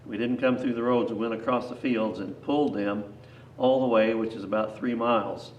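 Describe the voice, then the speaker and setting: A man's voice: mid-range voice, fairly even intonation, normal speed, highs cut off. An older man, a grandfather, telling an unscripted, rambling personal story in a folksy, plain-spoken way that often doubles back on itself. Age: 60s or older. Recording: echoey, distant mic, faint noise.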